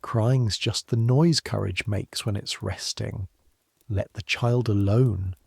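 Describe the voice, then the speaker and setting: Man reading a quiet, weary old soldier. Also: fairly low pitch, takes it slowly, vocal fry, breathy edge, no room sound, clean studio sound, full character voice. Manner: quiet, even and plain. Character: quiet weary male war veteran.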